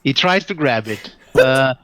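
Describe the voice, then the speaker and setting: A man narrating a tabletop game as dungeon master, with many pauses and fillers. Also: medium pitch, lively intonation, fairly bright tone, low-quality recording. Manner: hesitant, many fillers, slow in places.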